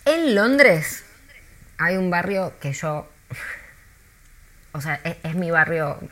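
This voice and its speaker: An Argentine woman who works as a tour guide, chatting in an interview with lively, storytelling delivery and many restarts. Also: fairly low pitch, slow pace. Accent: Argentine Spanish.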